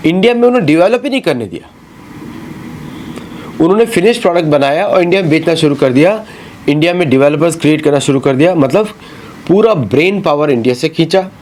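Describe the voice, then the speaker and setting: A man talks through current affairs in an emphatic, insistent way. He slips English phrases into his Hindi. His voice sits fairly high for a man. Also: expressive, a little fast, a little mellow, a little hiss or hum. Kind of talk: talk-show commentary.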